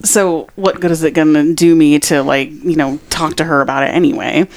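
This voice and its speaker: A woman co-host of a casual podcast spins a personal story. She swears freely and acts out the dialogue with animation. Her voice sits a little low. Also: steady tone, fairly quick, a little mellow.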